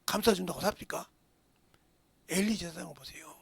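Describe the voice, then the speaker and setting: A man's voice: high-pitched, normal speed, vocal fry, husky, no room sound. A male pastor preaching a sermon with emphasis. He fires rhetorical questions and often drops into a whisper.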